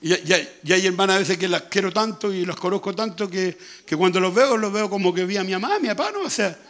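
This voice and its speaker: A man with a Chilean accent preaching a sermon as pastor, with a hoarse, gravelly voice, talking loudly and repeating himself as he goes. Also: sits high, lively intonation, fast talker. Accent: Chilean Spanish. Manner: speaks loudly, conversational preaching with frequent repetition. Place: church.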